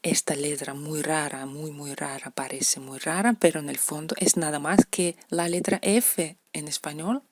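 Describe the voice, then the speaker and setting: A woman's voice: low-pitched, fairly even intonation, normal speed, few pauses, a little mellow, no room sound. A woman, teaching letter pronunciation to beginners and patiently repeating each example word. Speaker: language teacher.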